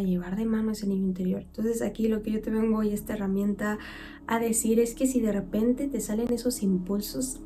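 A young woman with a Mexican accent hosting a casual self-care podcast, talking like a chatty friend who acts out quoted voices. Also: on the high side. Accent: Mexican Spanish. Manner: chatty, warm-hearted advice with playful quoted voices. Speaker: podcast host.

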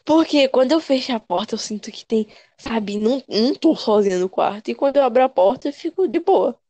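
Animated young Brazilian woman telling scary stories. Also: a little high, brisk, no echo. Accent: Brazilian Portuguese. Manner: animated storyteller, slangy, repeats words. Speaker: podcast co-host.

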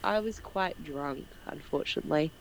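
A woman chatting casually with her partner, telling a lively holiday story and laughing often. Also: low-pitched, normal speed, a loud crowd, rough recording. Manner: loud, self-described as not quiet. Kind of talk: casual chat.

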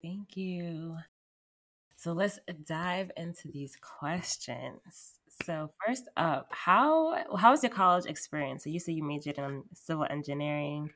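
A woman's voice: low-pitched, expressive, measured pace, fairly bright tone. A young woman hosting an interview podcast in an upbeat, encouraging manner. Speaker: podcast host.

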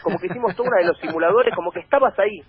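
Racing through long stories as a guest in a casual chat, an Argentine-accented man rambles and restarts often, his high voice carrying a breathy edge. The sound is dry and phone-like, with soft background music.

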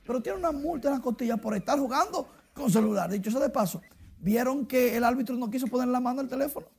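High-pitched husky sportscaster. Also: male voice, quick pace. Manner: lively, excited play-by-play delivery. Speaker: sports presenter. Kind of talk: sports news segment.

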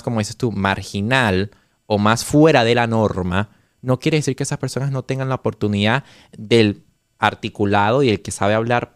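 Man, medium pitch, earnest and argumentative, dry close recording. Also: no echo. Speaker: guest. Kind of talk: casual panel discussion.

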